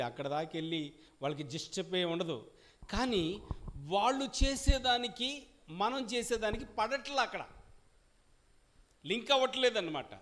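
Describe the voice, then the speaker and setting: Animated man preaching a sermon. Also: high voice. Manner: animated preaching, asks the congregation questions and rises to loud peaks. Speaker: pastor. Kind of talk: Palm Sunday sermon with testimony. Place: church service.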